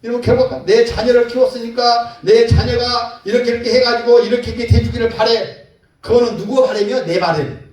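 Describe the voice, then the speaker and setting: A man's voice: extremely high pitch, steady tone, brisk, a little mellow. A male pastor preaching a sermon in an emphatic way, putting rhetorical questions to the congregation. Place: church sanctuary. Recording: echoey hall, mic far off.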